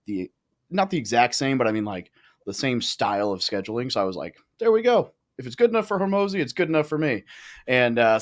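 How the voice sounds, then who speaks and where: A man in his thirties, a podcast guest, talking in a casual, profane way with quick asides and restarts. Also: mid-range voice. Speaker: podcast guest, real estate investor. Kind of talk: casual conversational interview.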